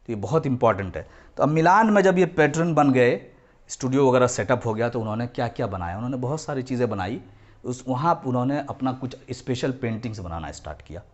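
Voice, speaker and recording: The highs are clipped in this recording of a fast-talking, expressive man with a mid-range voice. Teaching history to a class of children, he explains terms one by one, restates key ideas, and mixes in English phrases often.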